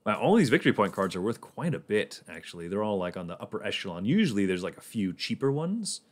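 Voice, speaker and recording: A man's voice: fairly low pitch, very animated, fast. A man casually talking through his moves in a board game on a livestream, rambling and laughing often.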